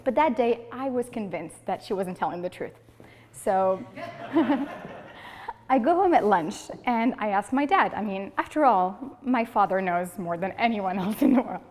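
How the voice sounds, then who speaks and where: This mid-range, unhurried voice belongs to a woman from Morocco in her 30s. At a speaking club she gives a humorous prepared speech, bringing her stories alive by playing the quoted characters. Long hall reverb colors the meeting room sound.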